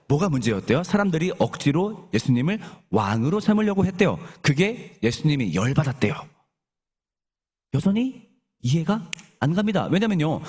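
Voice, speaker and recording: A male pastor preaching a sermon in a church, animated and often asking the congregation questions. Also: on the high side.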